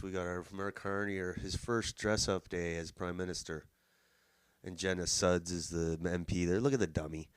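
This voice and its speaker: A man's voice: low-pitched, no echo. A man hosting casual political commentary, mocking and swearing as he reacts to clips and mimics politicians in a sing-song voice. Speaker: host.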